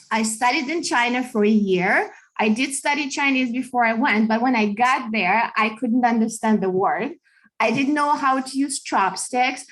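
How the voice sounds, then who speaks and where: A woman from Russia, a native Russian speaker, giving an upbeat, chatty online talk as a study abroad advisor over a video call. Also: on the high side. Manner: upbeat, chatty, many fillers. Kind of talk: online information session.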